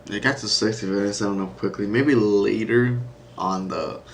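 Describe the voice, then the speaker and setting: A man's voice: lowish voice, steady tone, normal speed, a little hiss or hum. A young man talking loosely on a live trading stream, rambling and saying "bro" and "like" a lot. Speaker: day-trading livestreamer. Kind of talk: casual live-stream chat.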